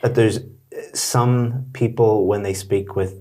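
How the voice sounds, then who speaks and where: Male tutor, low warm voice, talking a student through exam feedback in quick encouraging bursts. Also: steady tone. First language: English. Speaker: English exam teacher. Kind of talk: one-to-one spoken feedback.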